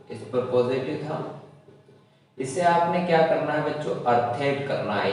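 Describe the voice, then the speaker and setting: A man's voice: mid-range voice, slight background noise. A male physics teacher with a sore throat gives a classroom lecture, asking the students questions and answering them himself. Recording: echoey hall, voice from far off.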